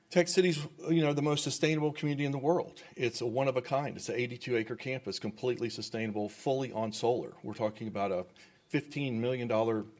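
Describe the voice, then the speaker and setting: A man with a mid-range, slightly mellow voice speaks during public comment at a government meeting as a developer. He is enthusiastic and rambles, repeating words.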